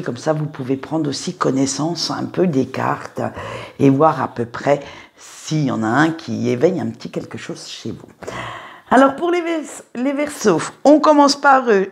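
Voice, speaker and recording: A woman with a slightly low voice reads tarot cards for her viewers in a casual, conversational way. She talks to them directly and often hesitates, filling pauses and restarting her sentences. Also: darkish tone. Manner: hesitant, many fillers and restarts; chatty, addresses viewers directly. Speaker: tarot reader. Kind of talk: casual tarot reading to camera.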